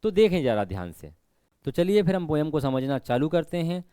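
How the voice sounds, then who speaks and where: A man with a fairly high, smooth, resonant voice gives an exam-prep lesson from close to the mic in a dry, dead room. He explains step by step, asking and answering his own questions, and keeps telling students to learn points by heart. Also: sing-song, mellow, dry recording. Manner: stresses rote learning with repeated reminders; reads English verse lines slowly. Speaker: teacher.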